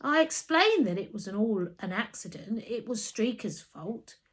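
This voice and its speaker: Speaking at normal speed in a slightly high voice, a woman narrates a children's story aloud with plenty of expression.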